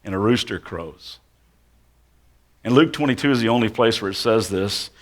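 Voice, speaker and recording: Male pastor, dramatic storyteller, hushed drops for effect. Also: on the low side, normal speed. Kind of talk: sermon.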